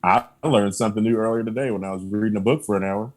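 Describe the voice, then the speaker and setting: Talking quickly in a lowish voice, this male podcast guest is earnest and emphatic in casual chat, often repeating affirmations and laughing between points.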